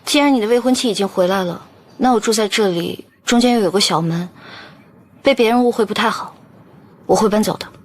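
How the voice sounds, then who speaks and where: An actress playing a spirited young woman roommate who talks in an indignant, lively way. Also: mid-range voice, brisk, close to an everyday voice.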